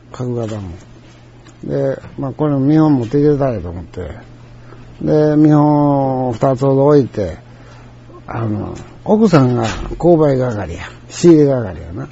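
An older man with an Osaka Kansai accent, casually telling a story from his merchant days, chatty, acting out the voices of the people in it and often clearing his throat. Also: medium pitch, warm tone. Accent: Osaka Kansai Japanese. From Osaka, Japan. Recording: dull lo-fi recording.

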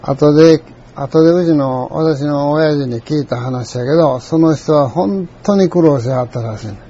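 An older man with a Kansai accent telling a rambling, reflective story in a folksy way, often clearing his throat. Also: on the high side, moderate pace, mellow, dull audio. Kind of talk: reflective monologue.

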